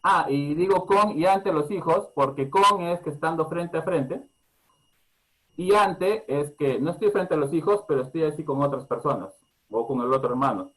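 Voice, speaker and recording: A man's voice: on the high side, moderate pace, poor audio. A man with a Peruvian Spanish accent teaches a parenting class through a teleconference microphone. He explains steadily and patiently, turning often to the listeners with questions. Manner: calm explanatory teaching, asks the audience questions and demonstrates tones. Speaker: psychologist giving a parenting talk. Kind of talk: online lecture. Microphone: teleconference computer mic.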